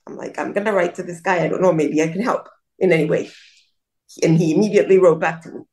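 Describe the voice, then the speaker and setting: Talking fast in a fairly low, slightly mellow voice, a Colombian woman in middle age shares her story as a guest in a relaxed video-call interview. She wanders with many restarts and pokes fun at herself.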